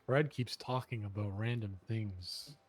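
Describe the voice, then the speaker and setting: A man's voice: lowish voice, measured pace. Pointed, formal man questioning in court. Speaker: role-player as a questioner in court.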